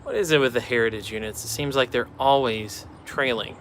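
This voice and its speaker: A man's voice: medium pitch, brisk, a bit bright, a little hiss or hum. A man hosting a casual live stream outdoors beside railroad tracks, chatting offhand and answering viewer questions.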